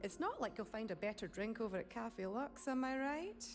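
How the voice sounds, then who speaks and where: Bubbly Scottish tea clerk. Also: female voice, a little high, normal speed, faint music behind. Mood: cheerful. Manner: bubbly, fan-struck, lively. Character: chatty cheerful female tea shop clerk. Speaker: tea shop clerk in a video game.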